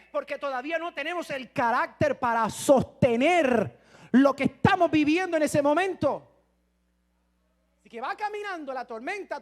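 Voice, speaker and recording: A man preaching a sermon as a pastor, chatting with humor, then dropping to hushed asides and rising to shouted climaxes. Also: very high voice. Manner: conversational and humorous with the congregation.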